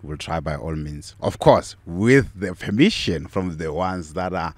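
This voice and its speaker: A middle-aged man co-hosting a football podcast outdoors, relaxed and laughing often, repeating words as he talks, speaking into a mic on a stand. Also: low-pitched, unhurried, breathy edge, no room sound. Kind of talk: casual football talk. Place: outdoors on a sunny football field. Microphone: handheld mic on a stand.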